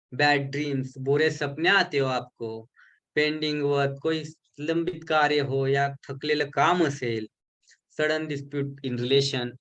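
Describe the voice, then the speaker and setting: A man giving a recorded lesson for a healing course, explaining slowly and repeating syllables to show how they are spoken. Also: medium pitch, fairly bright tone. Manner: mixes English terms into his explanations.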